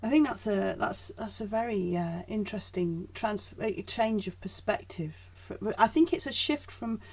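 A woman with a soft Yorkshire accent chats casually, emphatically, often breaking off and circling back mid-thought. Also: medium pitch, moderate pace, gravelly, slightly rough. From northern England (Yorkshire), born in Essex. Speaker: guest, performer. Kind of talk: casual conversation.

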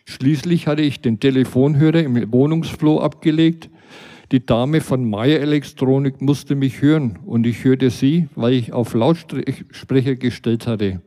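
A man's voice: medium pitch, a little slow, warm tone. A man reading a humorous first-person story aloud in a dry, wry way.

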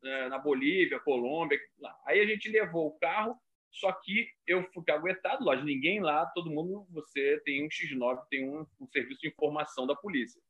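A comedian from Rio de Janeiro with a carioca accent, telling stories in a casual chat and acting out voices. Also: male voice, on the high side, normal speed, husky, highs cut off. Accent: Rio de Janeiro Portuguese. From Rio de Janeiro, Brazil. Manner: animated, acts out voices in his stories. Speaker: comedian guest. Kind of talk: casual storytelling.

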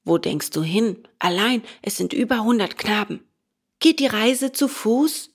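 A woman voicing a sly, lazy schoolboy in a storybook reading, coaxing his friend in a lowered voice. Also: animated, a little slow, husky, heavily acted. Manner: low, coaxing, persuasive.

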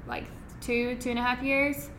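A woman's voice: on the high side, flat delivery, normal speed, a bit bright, faint music behind. A young woman with an Alabama accent chatting casually in a laid-back, blunt, self-deprecating way. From Florence, Alabama, United States. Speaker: interview guest, reality show cast member. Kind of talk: casual chat. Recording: echoey room with faint noise.

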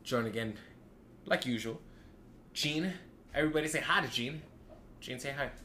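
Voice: mid-range voice, normal speed, pushed and bright, reverberant. Podcast host, mid-range voice, slangy, emphatic, repetitive phrasing, casual talk, noisy background.

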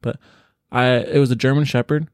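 A man's voice: medium pitch, steady tone, brisk, smooth, dry recording, clean studio sound. A man co-hosting a casual podcast, telling loose, profane stories over beers and acting out what people said. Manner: loose storytelling, swears, acts out quoted voices. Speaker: podcast co-host.

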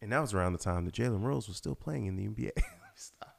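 A man with a gravelly voice and heavy vocal fry, hosting a casual podcast chat. He talks in a laid-back, mumbling way and trails off often. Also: on the low side, animated, racing. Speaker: podcast host.

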